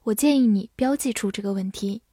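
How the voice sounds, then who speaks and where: A woman teaching English vocabulary in a scripted lesson, reading each word twice and then its meanings in an even way. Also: mid-range voice, slightly rough, dry recording, studio quality. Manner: slow, even reading of words and definitions.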